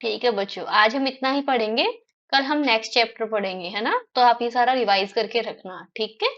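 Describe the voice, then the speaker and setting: A woman teacher explaining word sounds to young children, repeating each word slowly and checking in with them often. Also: fairly high pitch, dull audio. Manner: slow, stretched-out repetition of words; frequent tag questions to children. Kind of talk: children's phonics lesson.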